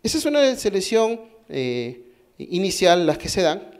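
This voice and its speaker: A very animated Peruvian man with a slightly high, somewhat mellow voice speaks into a microphone at a technical conference in a conference hall. In a Peruvian Spanish accent, he explains step by step, stops to ask the audience questions and often restarts his sentences mid-thought.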